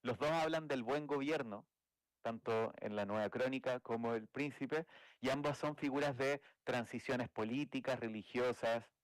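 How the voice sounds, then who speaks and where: Man, academic talk, hesitant fillers, mid pitch, dry sound. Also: moderate pace, no echo, rough recording. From Chile. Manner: thoughtful, frequent restarts and filler "eh". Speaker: game designer giving a talk. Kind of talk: academic lecture.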